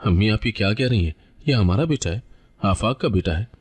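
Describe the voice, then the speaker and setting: A man's voice: sits low, normal speed, husky. A man voicing a desperate young wife who pleads and cries out. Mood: pleading. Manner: pleading, crying out.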